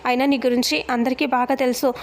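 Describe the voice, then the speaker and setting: A woman's voice: high-pitched, little pitch movement, fast talker. A woman voicing a stern young husband who protects his wife, reading his lines in a story recap. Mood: soothing. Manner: stern, scolding.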